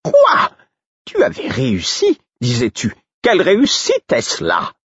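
A man voicing a quick-witted male court jester with shrill, theatrical outbursts, in an audiobook reading. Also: wildly swooping pitch, creaky, breathy edge, no echo, lo-fi sound, heavily acted. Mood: alarmed.

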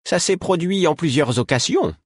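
A man voicing a stern, fretful woman in a storybook, speaking sharply and reproachfully in a raised, husky voice. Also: low-pitched, animated, normal speed, no room sound, clean studio sound, voice pushed up. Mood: scolding.

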